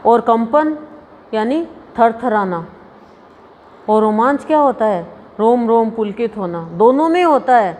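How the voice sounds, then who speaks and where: A woman preacher gives a homely devotional talk, chatty and quick to laugh at her own anecdotes. Her voice sits a little high. It carries a long hall reverb over faint ambient noise. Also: animated, a little mellow. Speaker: spiritual preacher.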